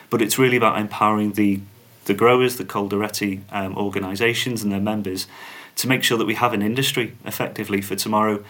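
A man speaking as a company spokesman on a podcast, giving measured, businesslike interview answers. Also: fairly low pitch, a bit bright. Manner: measured, corporate, uses fillers.

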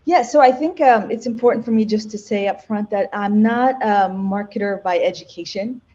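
A woman from Egypt, a podcast guest, telling her career story in casual, animated interview chat with frequent self-corrections. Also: medium pitch, moderate pace, highs cut off. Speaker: podcast guest, marketing executive.

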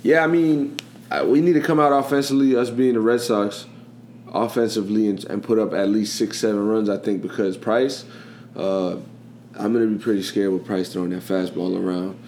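A man's voice: lowish voice, steady tone, normal speed, a little mellow. A man hosting a casual sports podcast, talking in a rambling, chatty way and often asking "you know what I'm saying.". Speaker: podcast host. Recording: echoey room, faint background noise.

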